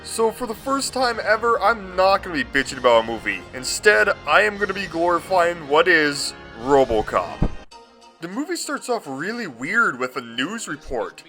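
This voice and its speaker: A man's voice: sits high, normal speed, soft background music. A man giving a comedic movie review, gushing and swearing often. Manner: profane, excitable and gushing.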